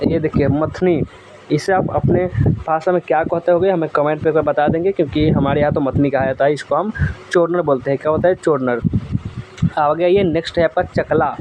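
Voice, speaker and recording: A man's voice: fairly high pitch, noisy background. A man teaching household vocabulary, naming each item and repeating the word back as a question. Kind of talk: vocabulary lesson.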